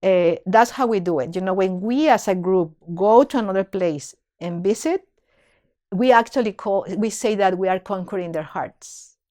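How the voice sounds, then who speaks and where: A woman's voice: medium pitch, normal speed, warm tone. A middle-aged woman, a guest on a podcast, speaking earnestly and emotionally in a reflective storytelling way, often restarting her phrases. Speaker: podcast guest, community leader and dance teacher.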